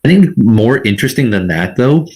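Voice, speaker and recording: A man co-hosting a casual gaming podcast, talking through game design in a measured, analytical way. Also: fairly low pitch, darkish tone, faint music behind. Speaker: podcast co-host.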